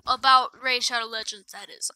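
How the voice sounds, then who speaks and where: Sharp-voiced woman griping through gameplay. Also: fairly high pitch, level tone, moderate pace, clean tone, poor audio. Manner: sarcastic, complaining, swears freely. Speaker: gaming video creator. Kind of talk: gameplay commentary.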